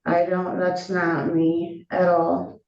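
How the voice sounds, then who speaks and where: A defendant explaining themselves to a judge in a hesitant, halting, apologetic way. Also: medium pitch, completely flat delivery, gravelly, a little mellow. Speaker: defendant in court. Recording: distant, echoey, muffled courtroom audio.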